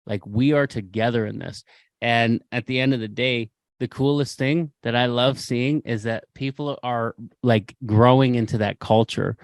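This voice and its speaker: A man's voice: mid-range voice, steady tone, moderate pace, no room sound. Impassioned male podcast host, dry sound. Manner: impassioned, preachy, repeats phrases for emphasis. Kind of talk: motivational podcast talk.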